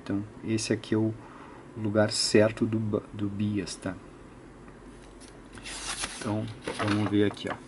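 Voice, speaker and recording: A Brazilian electronics hobbyist presents an unscripted technical tutorial, thinking aloud methodically and often tacking on short tag questions. His lowish voice is monotone and unhurried, with frequent pauses. Background noise is audible.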